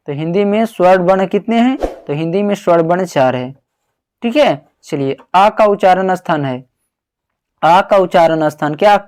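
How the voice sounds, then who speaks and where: A man's voice: a little high, a little mellow. A man teaching an exam-prep grammar lesson, asking a question and then repeating the answer, calling the student "babu" and sounding out syllables.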